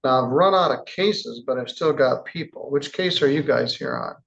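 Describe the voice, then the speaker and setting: A man presiding as a judge in a courtroom, reading charges in a measured, formal way with casual asides. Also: mid-range voice, creaky, a bit bright, lo-fi sound. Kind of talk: courtroom proceedings.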